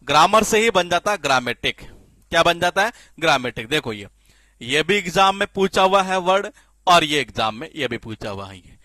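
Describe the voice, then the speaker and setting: A man teaching spelling in a classroom-style lecture, lively and repetitive, often asking the class questions and answering them himself. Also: a little high, normal speed, no echo. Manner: lively, repeats questions to the class, frequent filler "ye".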